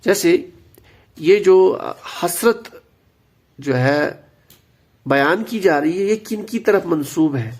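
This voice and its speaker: A man's voice: high voice, animated, pauses often, darkish tone. A man teaching an Arabic grammar lesson, patient and explanatory, repeating key words and slipping in English terms.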